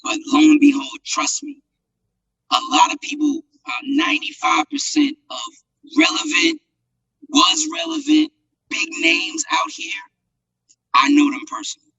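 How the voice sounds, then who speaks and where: A man's voice: very high voice, unhurried, no echo, low-quality recording. A man being interviewed about his singing career, telling stories casually with slang and acting out quotes. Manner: animated storyteller using slang, acts out quotes. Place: studio-style phone or video call.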